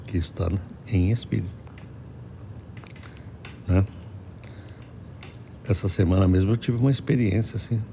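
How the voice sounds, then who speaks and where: A man's voice: deep voice, vocal fry, dark tone, slight background noise. A middle-aged male pastor, preaching a devotional sermon in a conversational way and often checking that listeners follow.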